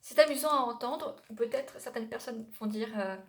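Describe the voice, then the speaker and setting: Rambling young woman, higher-pitched voice. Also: normal speed. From France. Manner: rambling and digressive, full of hesitations and self-corrections. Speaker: YouTuber. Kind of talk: casual vlog chat to camera.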